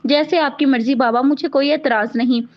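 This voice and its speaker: A woman reading the lines of a young bride who speaks softly and politely. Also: high-pitched, fairly even intonation, normal speed, close to an everyday voice. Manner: soft, polite. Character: young bride, gentle but proud. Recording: dull lo-fi audio.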